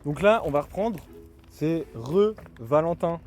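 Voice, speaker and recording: A man's voice: a little high, animated, unhurried. A young man hosting and refereeing a game in casual, slangy, informal talk. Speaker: host and referee of a challenge. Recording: loud music behind. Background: music.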